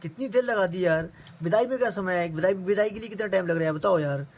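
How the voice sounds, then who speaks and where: A man's voice: sits high, fast. A man performing an improvised doll-play skit in a bustling, chatty way, often tossing in casual fillers. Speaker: performer voicing dolls in a family skit.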